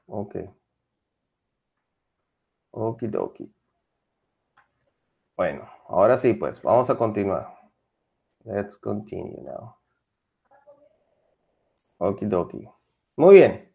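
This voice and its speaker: Lively bilingual teacher. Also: male voice, fairly low pitch, drawn-out words, vocal fry, pauses often. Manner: lively, mixes Spanish and English, coaxing students. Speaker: English teacher. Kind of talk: online class for children.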